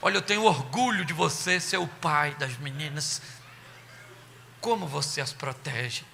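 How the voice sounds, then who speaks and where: A man's voice: a little slow, vocal fry, a little hiss or hum, exaggerated voice. A man doing a sly, coaxing old aunt. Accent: Brazilian Portuguese. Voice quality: hushed and low, coaxing. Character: sly soft-spoken older aunt, scheming. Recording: long reverb of a church hall.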